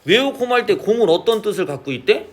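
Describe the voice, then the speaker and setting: Lively high-voiced male teacher. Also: quick pace. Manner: asks frequent check questions, drawls key terms. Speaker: Korean literature teacher. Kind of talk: classroom lecture.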